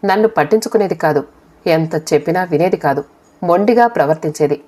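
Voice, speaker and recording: A woman narrating a story in the first person in a calm, steady audiobook reading. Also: fairly low pitch, brisk.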